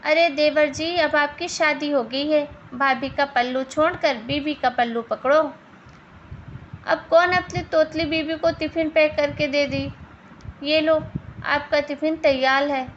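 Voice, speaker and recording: Playful, mocking sister-in-law, high voice, as a woman puts her on. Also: fairly even intonation, unhurried, dull audio, slight background noise. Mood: teasing. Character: teasing elder sister-in-law.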